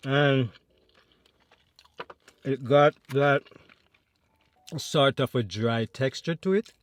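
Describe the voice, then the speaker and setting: A man's voice: mid-range voice, no echo. A Jamaican man chatting to viewers between bites in a mukbang eating vlog at home. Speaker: food vlogger.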